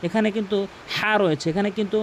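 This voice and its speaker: A man teaching correct Quran recitation, explaining rules and repeating each word slowly and emphatically as a drill. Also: sits high, slight background noise. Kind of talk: instructional explanation with slow recited examples.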